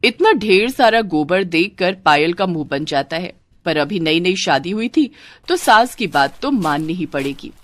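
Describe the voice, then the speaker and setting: A woman narrating a scripted family story in an even, explanatory way. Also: on the low side, measured pace, no echo.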